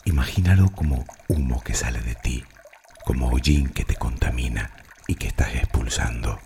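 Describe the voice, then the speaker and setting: In a guided meditation, a man with an extremely deep, mellow voice that is dark and gravelly speaks affirmations slowly and soothingly, leaving long pauses. There is slight background noise.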